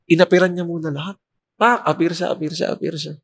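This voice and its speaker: A man telling a story on a podcast, animated and laughing, acting out the people in it with curses. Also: on the high side, quick pace, in a large hall. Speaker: podcast guest. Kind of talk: casual storytelling chat.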